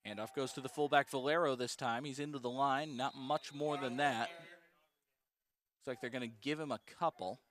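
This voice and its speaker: A man calling live college football play-by-play, brisk and precise about each down and yard line. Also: mid-range voice, steady tone, a bit bright. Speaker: play-by-play announcer.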